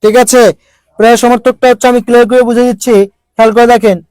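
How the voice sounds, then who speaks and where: A man's voice: very high voice, flat delivery, rapid-fire, a little mellow, clear, resonant tone, dry recording. A man teaching an online grammar lesson, repeating words and drilling the class with questions. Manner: repetitive, drilling questions to students.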